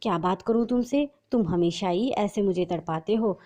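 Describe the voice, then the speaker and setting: A woman's voice: medium pitch, normal speed, warm tone, lightly acted. A woman voicing a lovesick young wife who complains in a pouting manner. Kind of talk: storybook narration.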